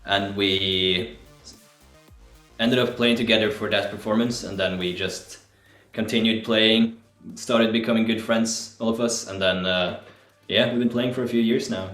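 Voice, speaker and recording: A young man from Norway, a band musician, telling how the group met in a relaxed, hesitant way. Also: lowish voice, measured pace, roomy sound, faint music behind. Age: young adult. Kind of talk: casual interview chat.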